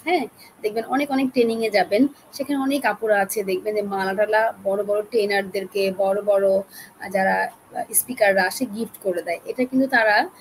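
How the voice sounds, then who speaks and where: A woman with a Bangladeshi accent teaching an online class, chatty and coaxing, keeping her voice soft to spare her throat. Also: mid-range voice, fairly even intonation, moderate pace, slight background noise, poor audio. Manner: chatty, coaxing, talks straight to learners.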